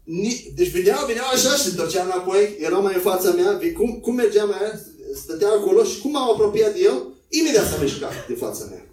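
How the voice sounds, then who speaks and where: A man preaching a sermon in a conversational way, acting out quotes in a higher voice. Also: animated, hardly any pauses, darkish tone. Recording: echoey room, voice from a distance.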